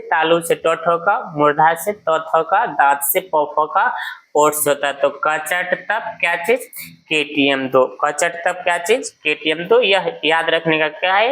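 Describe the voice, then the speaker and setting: Bright-voiced woman teacher drilling grammar. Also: lowish voice, poor audio. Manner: drills by asking and answering her own questions. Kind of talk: Hindi grammar lesson.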